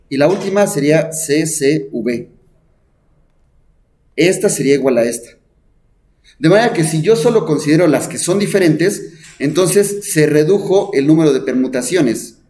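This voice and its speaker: A man gives a math lesson in a classroom. His voice sits a little high, and he thinks aloud at the board. He keeps asking the students questions and pauses on "este". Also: expressive, a little mellow. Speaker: math teacher. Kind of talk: classroom lecture.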